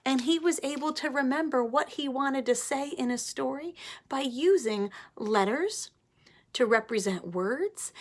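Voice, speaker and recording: Speaking in a high-pitched voice, a woman teacher reads a picture book to young children with plenty of expression, talking right to them as she goes.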